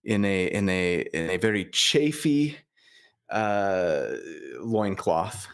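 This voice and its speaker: A man with a lowish voice describes his character in a tabletop game. He talks haltingly, repeating words and chuckling as he goes. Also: animated, smooth. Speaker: player.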